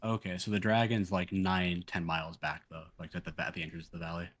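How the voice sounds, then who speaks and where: A man's voice: low-pitched, level tone, quick pace, a bit bright. A man chatting casually as a tabletop game player, often repeating himself mid-sentence.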